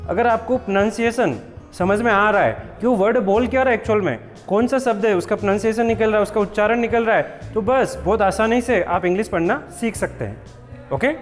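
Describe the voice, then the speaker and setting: A man's voice: sits high, brisk, big-room sound, soft background music. A man teaching a patient, step-by-step spelling lesson, repeating words and checking that students follow. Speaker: English teacher. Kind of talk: classroom-style spelling lesson.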